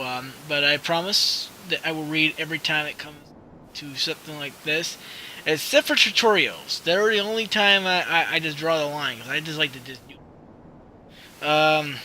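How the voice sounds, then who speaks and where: A man's voice: on the high side, bright, forceful tone, a little hiss or hum, poor audio. A man playing a video game and commenting casually, reading the dialogue aloud, stumbling and correcting himself. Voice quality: stumbling reader, self-correcting, apologetic. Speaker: let's play gamer.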